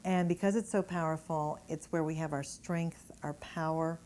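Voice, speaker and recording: A woman energy healer giving a live talk to an audience in a room, telling animated anecdotes and chuckling as she goes. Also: low voice, moderate pace, a little hiss or hum. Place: indoor room with a gathered audience.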